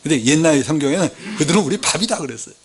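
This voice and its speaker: A man preaching a Sunday sermon in a church, telling stories, putting questions to the congregation and acting out quoted speech. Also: quick pace. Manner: lively storytelling, asks the congregation questions; acts out quoted Bible speech with big pitch swings. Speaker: lay preacher.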